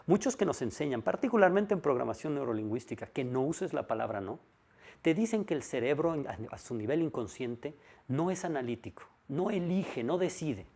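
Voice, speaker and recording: A man's voice: a little high, animated, fairly quick, gravelly, darkish tone. A man giving a monologue lecture on personal development, stressing key points by repeating them and asking rhetorical questions.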